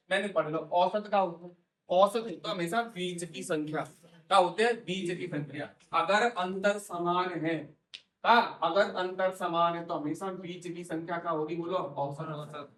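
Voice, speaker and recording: A man's voice: high-pitched, normal speed, fairly bright tone. A man with a teaching a maths class, quizzing students and repeating their answers. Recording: echoey room, voice from far off mic.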